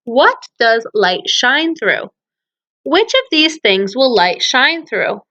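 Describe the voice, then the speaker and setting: A woman teacher with a fairly high, very animated voice reads children's poems slowly and explains things to young listeners, often putting questions to them. Her delivery is pushed and bright, and the sound is lo-fi.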